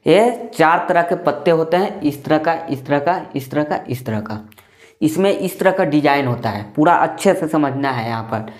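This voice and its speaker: A man's voice: on the high side, expressive, moderate pace. A man teaching a maths class casually, repeating himself and asking and answering his own questions.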